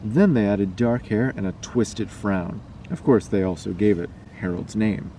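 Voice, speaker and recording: A storyteller and vlogger reads a scary story aloud in a fairly low, dark-toned voice, going a little slow. The mic is distant and the background noisy.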